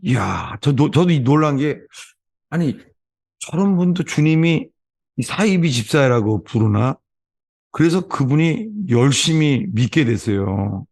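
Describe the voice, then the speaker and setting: A male pastor delivering a Sunday sermon in an ordinary middle-pitched voice. He tells anecdotes in a conversational way and slips into the voices of the people he quotes. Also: lively intonation, unhurried, darkish tone. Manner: storytelling, acts out quoted voices. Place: church sanctuary.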